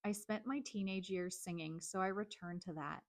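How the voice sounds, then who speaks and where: A woman in her forties, a native Chinese speaker, hosts a reflective personal monologue. Her medium-pitched delivery is calm, earnest, and measured.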